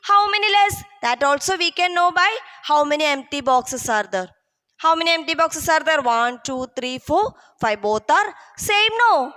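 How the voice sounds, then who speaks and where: A woman's voice: sits high, animated, normal speed, pushed and bright. A woman with an Indian accent teaching young children in a broad singsong manner, asking and repeating simple questions. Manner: question-and-answer prompting with repetition. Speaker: primary school maths teacher. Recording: long hall-like reverb.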